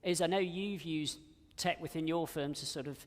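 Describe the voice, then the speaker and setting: A man with a slightly nasal, fairly high voice chairs a panel, moving things along briskly with a self-deprecating touch. His voice rings with the long reverb of a conference hall. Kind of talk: moderating a panel discussion. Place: conference venue with live audience.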